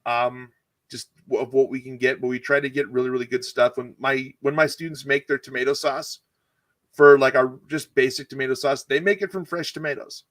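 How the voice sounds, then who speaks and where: A man's voice: medium pitch, steady tone, a little fast, fairly bright tone, no room sound. A man, a culinary teacher, chatting casually in an interview, rambling and correcting himself as he explains recipes. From California. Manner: rambling, self-correcting, enthusiastic about food. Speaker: cooking channel guest, culinary teacher.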